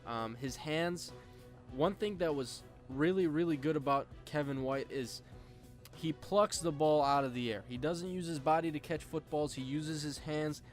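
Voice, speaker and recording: A man's voice: on the high side, moderate pace. Young man, draft analyst, casual commentary, fillers and restarts, faint background music. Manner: many fillers and restarts, conversational. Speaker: football draft analyst host.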